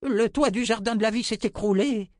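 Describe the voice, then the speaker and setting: A man playing a grumpy old wizard for an audiobook, his voice pushed high and loud. He blusters and complains. The recording is dry and close. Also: no room sound, close to an everyday voice. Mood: cranky, indignant. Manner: cranky, exclaiming, quick to complain.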